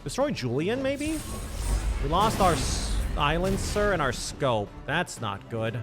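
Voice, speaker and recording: A man's voice: fairly high pitch, sing-song, takes it slowly. A man streaming a game, thinking aloud and muttering asides in casual commentary, with faint music behind.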